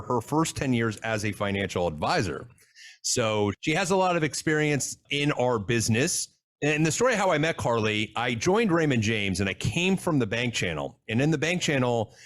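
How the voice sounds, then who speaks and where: A man hosting an advisor podcast, chatting casually and telling stories as he introduces his guest. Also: mid-range voice. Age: older adult. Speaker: podcast host. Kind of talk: casual interview chat.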